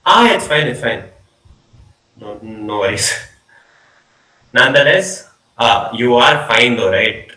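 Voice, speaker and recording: A young male student gives an informal online maths lecture from a small room over a laptop mic, the video call audio echoey and his mid-range voice distant. He's expressive, pushed and bright, but slow, with long pauses, repeating words and trailing off as he explains.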